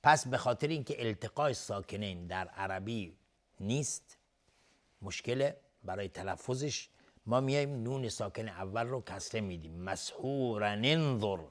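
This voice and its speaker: A man's voice: fairly low pitch, expressive. Male tajweed teacher explaining rules. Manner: explains rules plainly, then chants verses slowly and louder. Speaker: Quran recitation teacher. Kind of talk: tajweed lesson with chanted recitation.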